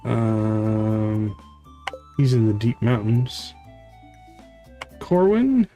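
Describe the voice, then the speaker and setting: Livestreaming a video game, this male host thinks aloud in short, casual phrases and reads game dialogue as he plays. His lowish, warm voice swings widely in pitch and stretches out words. Game music plays behind him.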